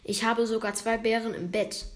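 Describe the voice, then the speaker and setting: A woman's voice: a little high, steady tone, normal speed, close to an everyday voice. Woman doing a shy little girl. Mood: timid. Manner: timid and sleepy. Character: small, shy young girl.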